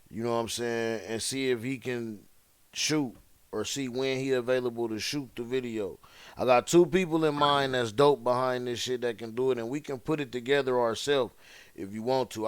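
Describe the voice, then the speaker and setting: Laid-back man, smooth voice. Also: medium pitch. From Detroit. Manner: laid-back, slangy, emphatic. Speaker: podcast co-host. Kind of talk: casual chat.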